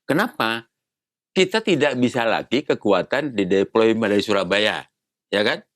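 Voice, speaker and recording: A man's voice: fairly low pitch, big pitch swings, normal speed, fairly bright tone, no echo, studio quality. A man in his sixties, a retired navy admiral, explaining patiently in a casual interview and posing rhetorical questions. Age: 60s.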